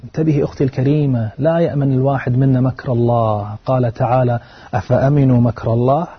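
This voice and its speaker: A man with a husky, mid-range voice preaches an earnest sermon, telling a moral story and urging his listeners on, his voice rising at emotional peaks. The lo-fi recording sounds dull.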